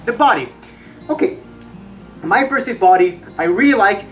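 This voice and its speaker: A woman's voice: mid-range voice, animated, normal speed, distant mic, faint music behind. A woman from Brazil, speaking from inside a fursuit head, chatting casually through a review with lots of fillers and repeated words.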